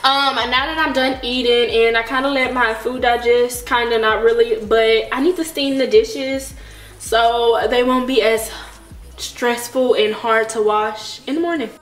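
A woman's voice: a little high, steady tone, unhurried, fairly bright tone, reverberant, soft background music. A young Texan woman vlogging in her kitchen, chatty and casual, swearing freely and saying y'all. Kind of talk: casual vlog chat. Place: home kitchen.

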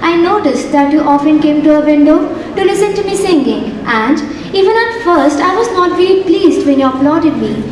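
A young adult student actress performs in a school play on a large theatre stage, playing a gracious young female singer with polite, formal speech. Her voice is high and a little mellow, with lively intonation, a moderate pace and few pauses. Picked up by a far stage mic, it sounds echoey and distant in the hall, with slight background noise.

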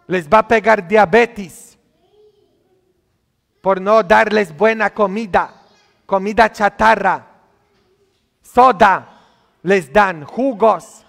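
A man's voice: high-pitched, takes it slowly, creaky, long pauses, a bit bright, in a large hall. A male priest giving a sermon, teasing and scolding the congregation with many questions. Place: church.

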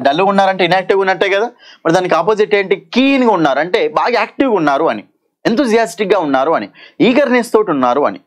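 Lively man teaching exam English. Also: on the high side. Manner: explains in Telugu mixed with English terms, often asks "okay?"; reads English question text slowly and deliberately. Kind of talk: exam-prep lesson.

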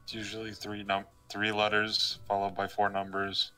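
A man's voice: on the low side, monotone, normal speed, sharp tone, clear, resonant tone, faint music behind, voice pushed down. A man voicing a male air traffic controller talking over a pilot's headset radio, terse and formal in radio procedure, as a joke while gaming. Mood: officious. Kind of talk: joking put-on voice while gaming.

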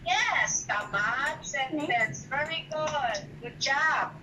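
A woman's voice: sits high, animated, extremely slow. A woman teacher with a Filipino accent leading a grade one online class review, patiently asking children questions and praising their answers. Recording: roomy, distant mic with background noise.

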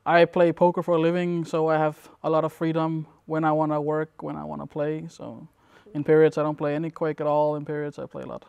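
A young man from Denmark, a competitive gamer, answering interview questions in a relaxed, rambling way with plenty of fillers. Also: on the high side, brisk, vocal fry, few pauses, smooth, no room sound, highs cut off. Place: dim indoor room at a gaming event.

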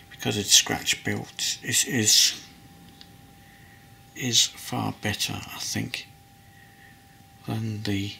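A man's voice: lowish voice, creaky, bright, forceful tone, breathy edge. A man casually narrating a model-building tutorial at his workbench, rambling and hesitant with many ums and restarts. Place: hobby workbench indoors.

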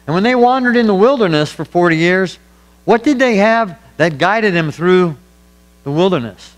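A man's voice: high voice, animated, moderate pace, low-quality recording. A man preaching a sermon as pastor, earnest and emphatic, hammering points home through repetition. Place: church.

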